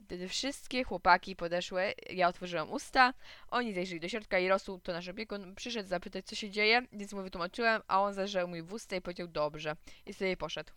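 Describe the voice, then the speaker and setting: Bright crisp woman reading a storybook. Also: medium pitch, quick pace, no room sound, clean studio sound. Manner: narrates as a young boy in first person. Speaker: reader of a children's story.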